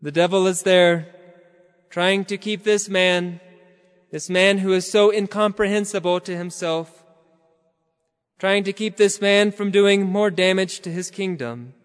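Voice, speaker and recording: A high-pitched man preaches in a slow, measured cadence, now and then lifting into a near-chant. His voice is smooth and resonant. A long reverb trails behind him, as in a large church. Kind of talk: sermon.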